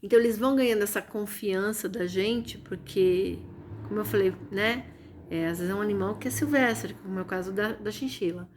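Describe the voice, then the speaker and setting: A woman's voice: mid-range voice, a little fast, darkish tone, a little hiss or hum. A woman with a Brazilian Portuguese accent hosting a casual spiritual live stream from home, chatty and often turning to her viewers. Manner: chatty, keeps addressing viewers with "gente" and "né". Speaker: live-stream host and reiki teacher.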